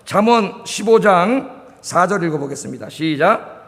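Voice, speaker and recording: A man's voice: high-pitched, lively intonation, moderate pace. A middle-aged male pastor from Korea preaching a sermon, asking the congregation questions and repeating key words. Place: church sanctuary. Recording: reverberant church hall.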